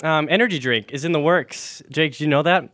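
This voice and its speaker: A man's voice: on the high side, fairly quick, a bit bright, dry recording. A young man hosting a college radio show, talking casually and rambling with fillers and restarts. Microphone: studio microphone.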